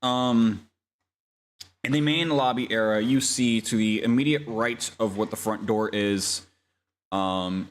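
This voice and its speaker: A man's voice: on the low side, a little hiss or hum. A man narrating a tabletop game as game master, speaking hesitantly with many ums, his laptop fan humming into the microphone. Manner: halting narration with frequent ums and uhs. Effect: laptop fan humming into the mic.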